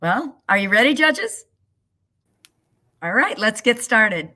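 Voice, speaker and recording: A woman explaining the rules of a pitch competition to judges in a brisk, businesslike way. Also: very animated, pushed and bright. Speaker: event organizer.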